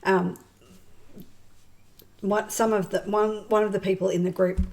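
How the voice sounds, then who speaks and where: A woman's voice: mid-range voice, flat delivery, unhurried, creaky, a little mellow. A woman co-hosting a casual gaming podcast, telling stories in a chatty, laughing way. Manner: chatty storytelling with laughs and fillers. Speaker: podcast co-host.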